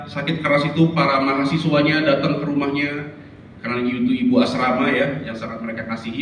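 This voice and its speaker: A man's voice: mid-range voice, a little hiss or hum. A man preaching a sermon, telling stories and acting out the people and the barking dog in them. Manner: animated storytelling, acts out voices and barking. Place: large church hall. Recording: echoey hall from far off.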